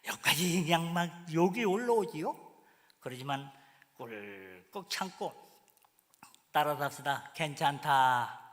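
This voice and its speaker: A man, a pastor, preaching a sermon in an animated, colloquial storytelling way, acting out little scenes. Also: on the high side, a little slow, long pauses. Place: church sanctuary. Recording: reverberant church hall.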